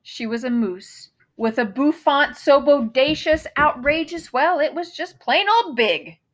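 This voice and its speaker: Reading a children's picture book with theatrical flair, this storybook reader savors its rhymes and wordplay and stresses them dramatically. She speaks in a high-pitched, expressive voice, never hurrying.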